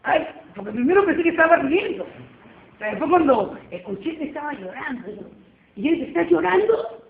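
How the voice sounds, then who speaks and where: A woman, giving a lively church testimony and acting out the dialogue as she tells it. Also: high-pitched, fairly quick. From Peru. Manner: animated storyteller acting out dialogue. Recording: tinny phone-like line with faint noise.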